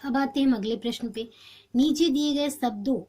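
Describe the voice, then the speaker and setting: Patient woman teacher, mellow voice. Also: sits high, normal speed. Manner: patient, explains step by step. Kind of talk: homework walkthrough lesson.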